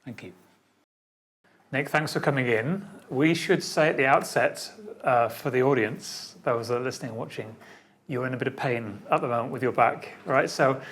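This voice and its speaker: A man's voice: medium pitch, moderate pace, a bit bright. A man hosting an interview podcast, asking thoughtful, curious questions. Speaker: podcast host.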